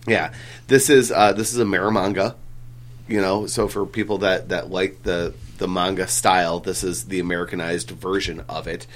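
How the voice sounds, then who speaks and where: Low-voiced man rambling casually. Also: fairly even intonation, normal speed. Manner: rambling, filler-heavy, swears casually. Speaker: comic book podcast host. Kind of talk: casual podcast chat.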